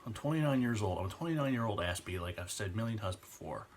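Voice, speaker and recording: A man's voice: on the low side, lively intonation, slight background noise. A man, speaking earnestly and emotionally in a personal vlog. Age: 20s. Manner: earnest, emotional, slows down on heavy points. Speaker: vlogger. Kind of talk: impassioned personal vlog rant.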